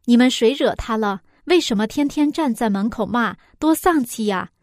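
A woman's voice: a little high, expressive, moderate pace, no room sound. A woman reading the lines of a blunt, exasperated daughter-in-law in a story, with dry sound. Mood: annoyed. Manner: scolding, blunt.

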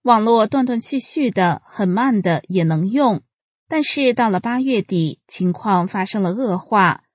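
Female reader, measured scripted delivery, husky timbre, dry close sound. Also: medium pitch, dry recording. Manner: measured, even announcer-like delivery. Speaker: reader of published articles. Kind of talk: scripted reading.

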